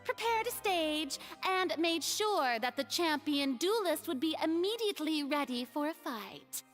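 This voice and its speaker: A proud, theatrical young goddess. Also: female voice, sits high, lively intonation, a bit bright, faint music behind. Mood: probing. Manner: poised, dramatic, measured. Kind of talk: game dialogue.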